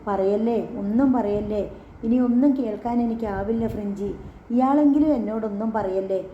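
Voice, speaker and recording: A woman's voice: mid-range voice, moderate pace, reverberant, lo-fi sound, a little hiss or hum, natural voice. A woman voicing a distraught young heroine in an audiobook, pleading and tearful.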